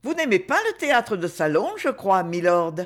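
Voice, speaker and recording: A man's voice: sits high, big pitch swings, normal speed, fairly bright tone. A man reading aloud and voicing a playful society lady who teases in a raised voice. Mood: teasing. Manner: teasing, half laughing.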